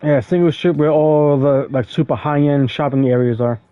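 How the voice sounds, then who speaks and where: A man's voice: on the high side, steady tone, normal speed, no room sound. Man rambling over gameplay, tinny dry sound. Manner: rambling, many fillers and stammered restarts. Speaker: gaming streamer. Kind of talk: casual gameplay commentary. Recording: dry tinny phone-like audio.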